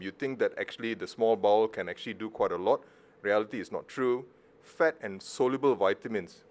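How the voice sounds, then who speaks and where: A middle-aged male surgeon from Malaysia gives a conference presentation in a fairly low voice. He talks casually and drops wry, self-deprecating jokes between the clinical points. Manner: casual, joking asides, self-deprecating humour. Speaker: surgeon giving a conference talk.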